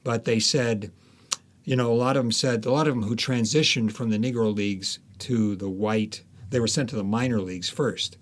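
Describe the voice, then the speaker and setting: A man being interviewed as an author tells stories conversationally, with animated retellings and quoted asides. His voice is medium-pitched and he speaks at normal speed.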